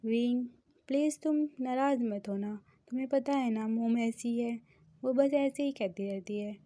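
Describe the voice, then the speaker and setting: A woman's voice: fairly high pitch, unhurried, warm tone, no echo, studio quality, lightly acted. A woman voicing a kind, soothing young elder sister in a storybook reading.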